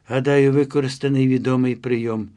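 A man's voice: medium pitch, brisk, lightly acted. Man reading a chatty know-it-all guide. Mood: reasoning. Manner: explanatory, lively, confiding asides. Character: chatty, self-assured male guide reasoning aloud.

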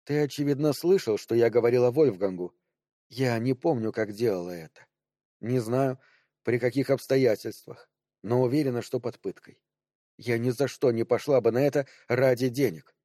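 A man voicing a guilt-ridden woman who was once a hacker, speaking softly and quietly in a pleading way. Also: medium pitch, moderate pace, no room sound, studio quality, lightly acted. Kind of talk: audiobook character voice.

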